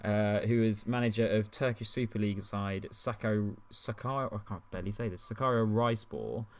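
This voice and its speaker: Rambling man, low voice. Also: a little fast. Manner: rambling, lots of ums, laughs at his own stories. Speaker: podcast co-host. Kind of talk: casual comedic podcast chat.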